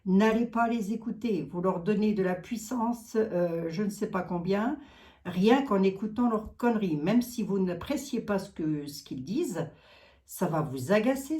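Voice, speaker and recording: A chatty woman with a Lorraine accent talks to her viewers like old friends while reading cards. Her voice sits low and soft-edged, and she leans on folksy tags and asides. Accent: Lorraine French. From Lorraine, eastern France. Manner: chatty, folksy, peppers talk with "hein". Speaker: psychic card reader. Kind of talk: casual chat to viewers.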